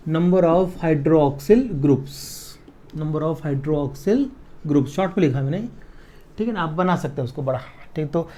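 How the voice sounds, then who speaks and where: A man teaching a chemistry lesson at a board, dictating notes slowly word by word and checking that students follow, with in the technical terms. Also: high voice, darkish tone. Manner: slow dictation, drawn-out words, frequent checks for understanding.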